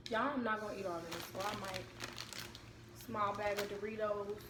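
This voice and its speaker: A young American woman chatting casually to camera at home, telling stories in an informal, unhurried way. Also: medium pitch, steady tone. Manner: informal, unhurried storytelling with repeated phrases. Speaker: vlogger and mother. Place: indoors at home. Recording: echoey room with background noise.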